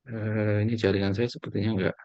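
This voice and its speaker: A man's voice: fairly low pitch, flat delivery, a little fast, darkish tone, no echo. A male lecturer talking formally to his class over a video call while his audio keeps breaking up. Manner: formal, addresses class politely. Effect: call audio breaking up on an unstable connection. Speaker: university lecturer. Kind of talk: online lecture. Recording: muffled dry online call audio.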